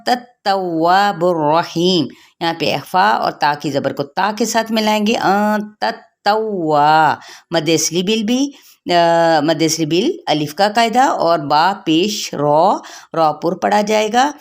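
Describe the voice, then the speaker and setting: A woman with an Urdu accent teaching Quran pronunciation rules, reciting words slowly and then explaining each rule. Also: on the low side. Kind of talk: tajweed lesson with slow recitation.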